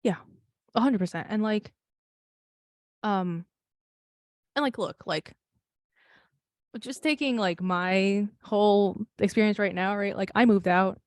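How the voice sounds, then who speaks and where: A young American woman co-hosts a podcast, rambling casually with plenty of fillers, frequent laughter and some swearing. Her medium-pitched voice moves slowly with long pauses, recorded in clean studio sound without echo.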